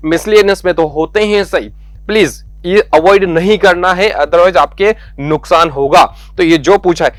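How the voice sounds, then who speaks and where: This man's voice sits high and carries no echo. He is teaching maths to school students, working through the exam syllabus, coaxing them along, repeating the main points, and calling them beta and yaar.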